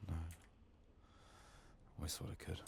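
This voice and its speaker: Sick and strained, this gaming video host murmurs through a game playthrough, soft-spoken and sometimes whispering. His casual, unhurried commentary comes over background noise.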